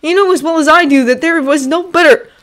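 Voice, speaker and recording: A woman's voice: a little fast, fairly bright tone. A woman voicing a brash, proud young male officer who pleads urgently. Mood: pleading. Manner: raised pitch, urgent and pleading.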